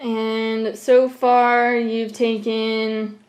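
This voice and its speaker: A woman's voice: fairly high pitch, flat delivery, very slow. A young adult woman with an American accent talking casually on a home vlog. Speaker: vlogger and caregiver. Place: room at home.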